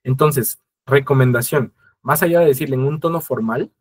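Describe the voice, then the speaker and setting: A man's voice: mid-range voice, moderate pace. A man presenting an instructional webinar, explaining step by step, addressing his audience directly and acting out quoted conversations.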